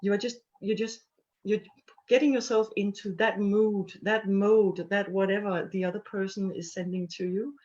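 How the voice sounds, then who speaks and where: A woman's voice: medium pitch, fairly even intonation, moderate pace, darkish tone, muffled recording. A woman tour guide from Denmark chatting in a round-table discussion. She talks animatedly, laughs often and restarts her sentences. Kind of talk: casual round-table chat.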